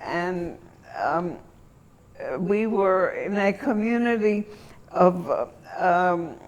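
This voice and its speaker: Speaking in a low-leaning voice, an elderly German-speaking woman from Antwerp, Belgium, looks back on her past during an interview. She often stops for long stretches while hunting for the right words.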